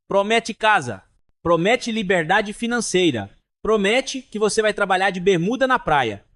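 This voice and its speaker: A man's voice: sits high, a bit bright. A man with a Brazilian Portuguese accent telling jokes in a folksy, mocking monologue full of rhetorical questions. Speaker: comic storyteller. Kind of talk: joke monologue.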